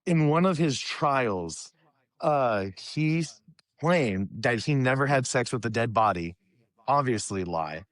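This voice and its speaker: A man's voice: mid-range voice, lively intonation, slow pace, fairly bright tone, no echo. A man co-hosting a podcast in casual chat, laid-back and laughing often. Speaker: podcast co-host.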